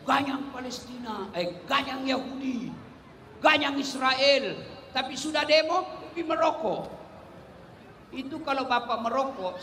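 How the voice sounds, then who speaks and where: A man preaches a lively, teasing sermon, firing questions at his listeners and acting out little scenes. His voice sits very high and sounds bright. It rings out with a long echo in a large hall. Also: slight background noise. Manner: lively, teasing, acts out quotes, asks the crowd questions. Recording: echoey hall.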